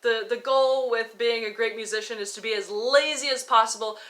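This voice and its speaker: Slightly high and fairly bright, her voice stays steady and moves a little quickly. She's a violin teacher in an instructional lesson, informally encouraging her student while she talks, demonstrates, explains and counts fingerings.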